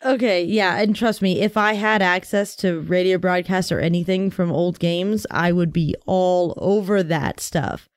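A woman's voice: on the low side, fairly even intonation, measured pace, hardly any pauses, no room sound, clean studio sound. A woman co-hosting a sports podcast in casual, enthusiastic chat, often restarting her sentences.

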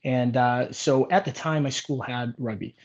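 On slightly dull, lo-fi audio, a man from Portugal with a mid-range, somewhat dark voice talks steadily at a normal speed. A native Portuguese speaker and business owner, he chats casually as an interview guest, rambling through his own story.

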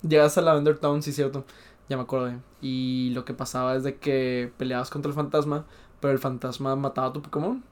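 A young Mexican man chatting casually as a co-host. He rambles, trips over his words and repeats them often, in a voice of middle pitch. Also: level tone, fairly quick, clean tone. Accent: Mexican Spanish. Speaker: podcast co-host. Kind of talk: casual chat.

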